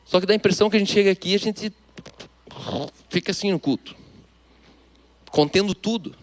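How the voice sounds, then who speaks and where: A man with a Brazilian Portuguese accent preaching a sermon, emphatic, his delivery swinging between loud declarations and hushed asides. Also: sits high, a little fast. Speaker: pastor.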